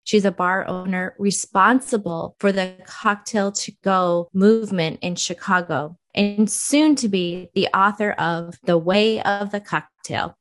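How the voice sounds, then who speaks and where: A woman hosts a podcast and speaks in an upbeat, welcoming way. The recording is dry, with no room sound. Her pitch is middle-range for a woman. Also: a little slow, hardly any pauses, a bit bright, no echo. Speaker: podcast host. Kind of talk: podcast interview.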